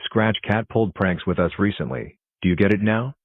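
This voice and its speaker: Man as a deep-voiced worried cartoon dad. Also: fairly quick, dry recording, narrow, tinny audio, close to an everyday voice. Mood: concerned, polite. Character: worried, suspicious cartoon father, polite and pleading. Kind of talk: scripted cartoon dialogue.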